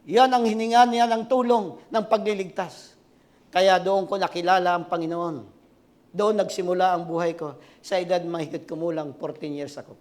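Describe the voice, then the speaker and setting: A pastor in his sixties preaches a sermon, swinging from shouted climaxes to quiet asides and calling on the congregation to respond. His voice is high-pitched with a steady tone at normal speed.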